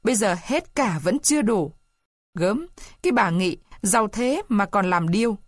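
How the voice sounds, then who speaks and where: A woman's voice: mid-range voice, lively intonation, normal speed, no echo, studio quality, natural voice. A woman voicing a poor peasant wife who pleads and weeps, in a storybook reading. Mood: tearful. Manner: pleading, weeping.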